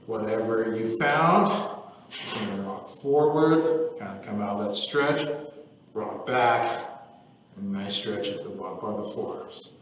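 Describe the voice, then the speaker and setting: A man leading a guided movement workout, calmly counting reps and cueing stretches with the odd joking aside. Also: fairly low pitch, a little slow, a little hiss or hum. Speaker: fitness instructor. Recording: echoey room from far off with faint ambience.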